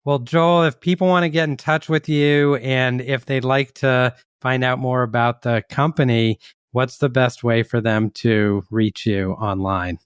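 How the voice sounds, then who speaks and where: A man's voice: mid-range voice, steady tone, a little slow, clear, resonant tone, no echo, clean studio sound. A man hosting a podcast, asking friendly questions with many "uh" fillers and reading a sponsor message. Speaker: podcast host. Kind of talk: interview hosting and ad read.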